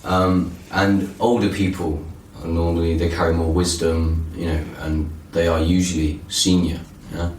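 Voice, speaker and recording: A man's voice: low voice, little pitch movement, moderate pace, hardly any pauses, darkish tone. A man with a Cornish accent from southwest England who says th as f, chatting casually in a hesitant way. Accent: southwest English, Cornwall. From Cornwall, southwest England. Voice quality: pronounces th as f. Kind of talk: casual chat. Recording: roomy echo, distant mic, faint noise.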